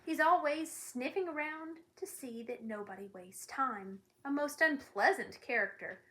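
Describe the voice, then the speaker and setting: A woman's voice: high-pitched, a little slow, bright, forceful tone, pitched above the performer's own voice. A woman voicing lazy, sleepy little storybook creatures who boast about doing nothing, drowsy and dawdling. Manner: drowsy, dawdling, then panicky.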